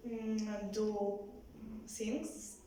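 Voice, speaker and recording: A woman, a singing student, speaking halting English with many fillers. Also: medium pitch, flat delivery, warm tone, very echoey, a little hiss or hum, poor audio. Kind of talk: repeating words in a diction lesson.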